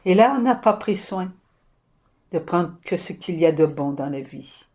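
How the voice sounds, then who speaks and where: Slow, hushed Québécois woman. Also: lowish voice, expressive. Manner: slow, halting phrases with soft whispered asides. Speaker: spiritual medium. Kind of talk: inspired prophetic message.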